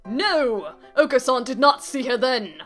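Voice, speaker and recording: A woman voicing a boisterous male pigeon track captain who coos and talks loudly and bossily, like an old man. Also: high-pitched, expressive, unhurried, soft background music. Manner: loud, cooing, bossy, old-man speech.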